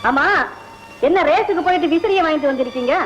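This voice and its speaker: An actress playing a lively young daughter who coaxes and pleads with her father. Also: high voice, quick pace, muffled recording, soft background music, lightly acted. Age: young adult. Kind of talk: classic film dialogue.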